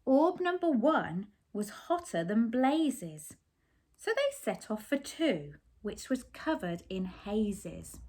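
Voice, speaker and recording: A woman with a slightly high, darkish voice reads a picture book aloud with feeling. Along the way she poses easy questions and gives simple explanations to little kids.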